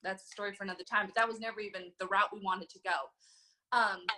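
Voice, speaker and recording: A woman in her thirties, a podcast guest telling her story in a casual, animated way and acting out the voices of people she quotes. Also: medium pitch, fast talker, slight background noise. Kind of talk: conversational storytelling.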